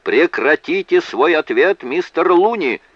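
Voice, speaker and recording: A man's voice: mid-range voice, big pitch swings, measured pace, dry recording, highs cut off, voice pushed up. A man voicing a stern older male judge who calls the courtroom to order. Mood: commanding. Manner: commanding.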